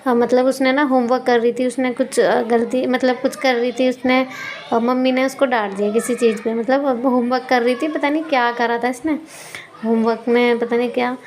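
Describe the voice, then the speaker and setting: A woman's voice: fairly even intonation, moderate pace. A young mother chatting through a home vlog voice-over in a rambling, self-correcting way. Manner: scolding loudly at high pitch in the clip. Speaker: vlogger and mother.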